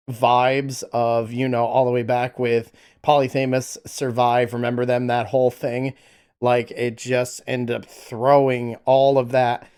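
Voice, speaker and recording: Streaming his reaction to some music, this man talks in a smooth, mid-range voice with a darkish color. He's casual and excitable, exclaiming a lot while frequently stumbling over words and saying things twice.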